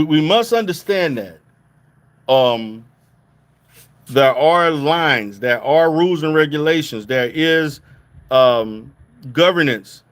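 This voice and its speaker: A middle-aged man talks casually to his viewers at an ordinary mid-range pitch. He restarts sentences often and keeps checking in with a quick "okay?" as he makes his points. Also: fairly bright tone. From Louisiana. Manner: repetitive restarts, emphatic "okay?" check-ins. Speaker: therapist.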